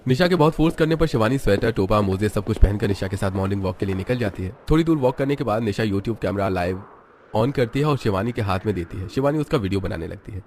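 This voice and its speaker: A male narrator reads a cartoon story at a fast clip, in a plain scripted storytelling manner. His voice sits a little low, with faint noise behind it. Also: lively intonation, a little mellow.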